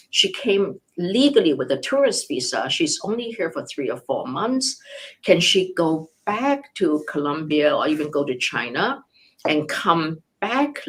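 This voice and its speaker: A woman's voice: low-pitched, poor audio. An older woman, an immigration lawyer, answering questions live. She explains step by step in numbered points with worked examples, often restarting and correcting herself. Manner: frequent restarts and self-corrections.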